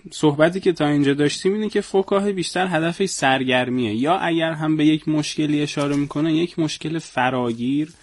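A man who is a guest poet and humorist, speaking in a measured way and reciting verse with a storyteller's pacing. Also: fairly high pitch, no room sound. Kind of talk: conversational interview with poetry recitation.

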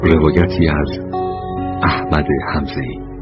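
A man giving scripted narration of short anecdotes, measured and slow, his line endings trailing off softly. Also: a bass voice, steady tone, muffled recording, over loud music.

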